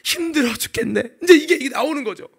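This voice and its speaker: A male pastor with a very high-pitched voice delivers a sermon as animated storytelling. He jumps from loud, exclaiming bursts to quiet, lowered asides. He keeps throwing rhetorical questions at the congregation. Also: quick pace, gravelly. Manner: dramatic storytelling, swinging between loud exclamations and hushed asides.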